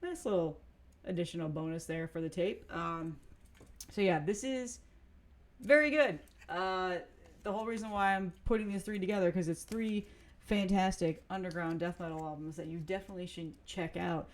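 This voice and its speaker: Woman vlogger just chatting to her camera, kinda low voice, rambly and full of ums. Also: normal speed. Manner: chatty, rambling with fillers and restarts. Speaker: music vlogger reviewing cassettes. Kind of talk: casual chat.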